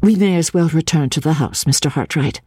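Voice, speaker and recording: A reader voicing a brisk, forthright, good-humoured gentlewoman in a storybook. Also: mid-range voice, breathy edge, dry recording, voice pushed up, close to an everyday voice. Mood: brisk polite. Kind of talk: audiobook character voice.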